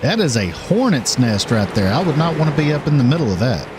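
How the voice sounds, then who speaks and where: A man calling a live race as play-by-play commentator, with an animated delivery and occasional filler pauses. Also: medium pitch, noisy background.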